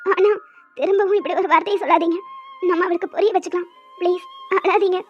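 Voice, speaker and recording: A woman voicing a gentle young wife who pleads earnestly with her husband. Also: very high-pitched, steady tone, quick pace. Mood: pleading. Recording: dry, dull lo-fi audio, faint music.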